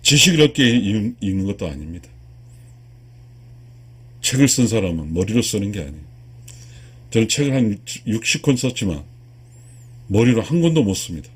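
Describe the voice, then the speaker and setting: A man in his sixties with a husky voice gives an earnest spiritual lecture as a video channel host, speaking straight to his viewers like a teacher. Very animated, he talks at normal speed with frequent pauses, his pitch swinging widely as he stresses and repeats key phrases.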